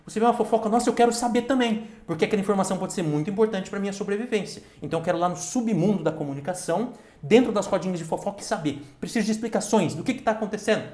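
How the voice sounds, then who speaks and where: The recording of this online lecture carries a roomy echo. The man's high, darkish voice races along with few pauses as he raises questions aloud, answers them, and regularly checks in with those listening.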